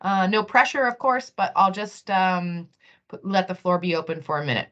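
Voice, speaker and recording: Bright-voiced woman hosting over muffled video call. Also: on the low side, steady tone, normal speed. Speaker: host of online class session. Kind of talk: informal moderating.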